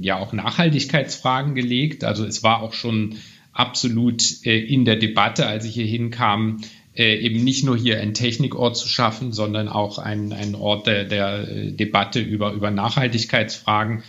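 A man's voice: lowish voice, fairly bright tone, muffled recording. A man, a museum director, answering podcast interview questions thoughtfully with many fillers and restarts.

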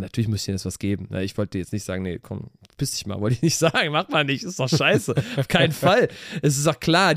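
A man on a casual podcast, telling a funny anecdote. His voice sits a bit high, and he slips into the voices of the people in the story. The sound is close and dry, with no room around it. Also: dry recording. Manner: animated storyteller acting out quoted dialogue. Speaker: podcast co-host. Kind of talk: casual chat.

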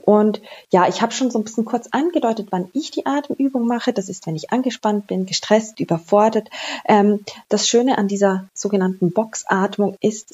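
A woman's voice: medium pitch, darkish tone, breathy edge, muffled recording. A woman giving informal instruction on a breathing exercise, explaining in a personal way and addressing the listener directly.

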